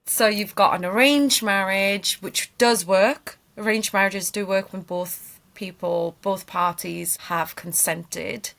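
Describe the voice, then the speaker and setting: A woman's voice: mid-range voice, steady tone, takes it slowly, creaky, few pauses, fairly bright tone. A woman from Wales, a podcast guest telling her life story openly and chattily, with many "you know"s. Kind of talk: personal life story interview.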